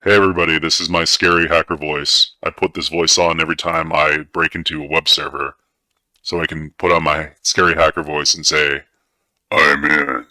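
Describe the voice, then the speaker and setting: A man putting on a deep voice-changer hacker. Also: moderate pace, no echo, heavily acted. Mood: mock-menacing. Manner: mock-menacing, flat. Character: mock-scary male hacker, playful. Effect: voice changer deepening the voice. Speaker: instructor.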